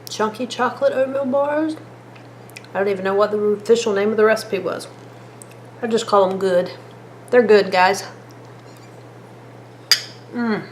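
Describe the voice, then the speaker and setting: A woman's voice: mid-range voice, a little fast, pauses often, darkish tone, reverberant, a little hiss or hum. A woman chatting to viewers in a homey way as she cooks in her home kitchen. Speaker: cooking vlogger. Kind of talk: casual cooking vlog.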